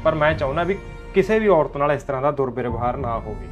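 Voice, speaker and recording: An actor playing a gruff but kindly older father-in-law who scolds and bickers, with faint music behind. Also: mid-range voice, lively intonation, fast talker, dull audio, natural voice. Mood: grumbling, sympathetic. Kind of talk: amateur short-film acting.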